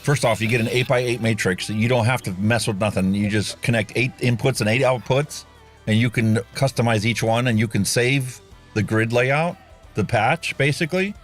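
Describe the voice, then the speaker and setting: A man hosting a casual talk show, relaxed and chatty, explaining equipment and mixing in detail. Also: mid-range voice, normal speed, faint music behind. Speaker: host. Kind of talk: casual chat.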